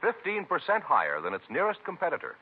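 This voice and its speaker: Husky, animated male vintage radio announcer. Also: on the high side, quick pace. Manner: emphatic sales delivery. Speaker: commercial announcer. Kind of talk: 1950s radio cigarette advertisement. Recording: tinny vintage radio recording.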